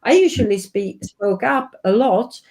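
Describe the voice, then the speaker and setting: Speaking from her home office as a video-call guest, a woman in her fifties from Sweden reflects earnestly in interview, her Swedish accent clear. The voice is fairly high and animated yet unhurried, with a slightly mellow tone.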